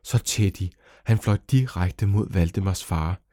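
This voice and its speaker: A man narrating a children's story in a lively, animated way. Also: no room sound, clean studio sound. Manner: lively, animated storytelling with sudden pitch jumps.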